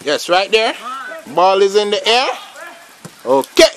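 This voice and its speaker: A man giving casual, slangy play-by-play commentary on a pickup football game, rambling between plays and shouting at the big moments. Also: high-pitched, expressive, measured pace, gravelly, noisy background. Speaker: amateur commentator.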